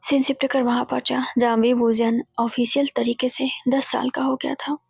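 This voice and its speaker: A woman narrating a retold romance story in a chatty, casual way, sprinkling in English words. Her voice is high and gravelly with a husky grain. The sound is close and dry with faint music underneath. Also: flat delivery, normal speed, darkish tone, no echo. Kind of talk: casual storytelling, retelling fan fiction.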